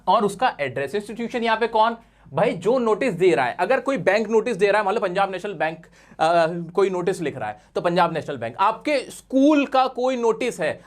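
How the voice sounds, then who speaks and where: A man teaching an exam lesson in an animated, coaxing way, full of rhetorical questions and playful teasing. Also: high voice. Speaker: English teacher. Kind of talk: classroom-style exam lesson.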